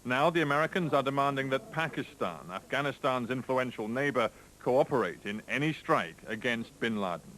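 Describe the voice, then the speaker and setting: A man reporting as a television news correspondent in a measured, grave scripted delivery, heard from a worn videotape copy. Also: medium pitch, animated, fairly bright tone, rough recording. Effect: worn VHS tape copy.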